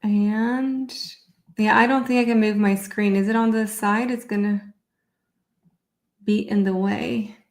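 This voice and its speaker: A middle-aged Brazilian woman with a Brazilian Portuguese accent is hosting a live webinar as a therapy educator, chatting in an upbeat way and thinking aloud while sharing her screen. Her mid-range voice is steady and darkish, with a measured pace and frequent pauses. It's a casual online presentation, and the sound is roomy.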